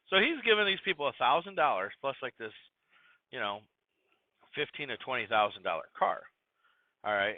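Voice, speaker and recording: A man's voice: mid-range voice, no room sound. A man hosting a casual solo podcast, rambling and scattered with many fillers and restarts. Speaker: podcast host. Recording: tinny phone-like dry recording.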